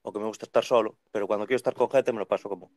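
A man in his thirties, a second-hand bookseller, chatting on a video call in an animated way, talking in long runs. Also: lowish voice, rapid-fire, no echo, clean studio sound. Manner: animated, talks in long runs and acts out quoted voices. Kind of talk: casual conversational interview. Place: bookshop with full shelves behind. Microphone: video call webcam.

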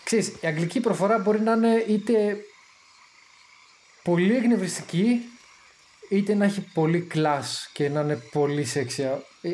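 A man giving casual gameplay commentary, chatty and excitable, thinking aloud as he plays. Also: high-pitched, a little hiss or hum. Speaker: gamer streaming his play.

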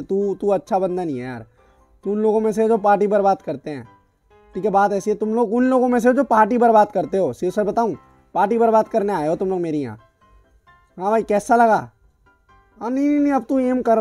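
A man hosting a gaming channel, giving excitable live gameplay commentary full of trash talk and banter. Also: high voice, no echo. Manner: excitable, trash-talking banter in Hindi-English mix.

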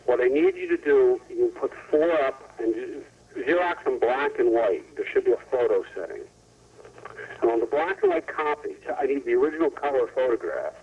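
A man's voice: mid-range voice, slightly rough. Man leaving a rambling voicemail, tinny phone. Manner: rambling step-by-step instructions, repeats numbers slowly. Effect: voicemail on an answering machine over a phone line. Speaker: caller leaving a message. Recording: tinny, distant answering machine phone tape.

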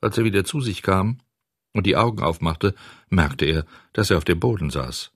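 Man, audiobook narrator, classic fairy tale, low husky voice, dry close sound. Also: no room sound. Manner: expressive storytelling, with pauses.

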